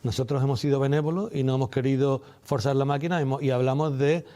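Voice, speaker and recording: A man giving measured, didactic interview answers, repeating key phrases for emphasis. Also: mid-range voice, fairly even intonation, dark tone. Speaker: doctor and medical representative being interviewed.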